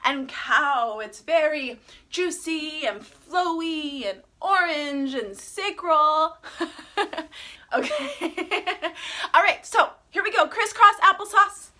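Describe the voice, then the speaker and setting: Bright, lively woman teaching kids yoga. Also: sits high, takes it slowly. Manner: playful, sing-song, encouraging children. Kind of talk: live online kids yoga class.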